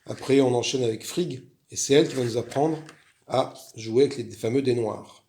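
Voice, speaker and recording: A man's voice: mid-range voice, normal speed, dark tone, a little hiss or hum. A man chatting casually as he walks through a solo board game, rambling with frequent restarts. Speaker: board game video host.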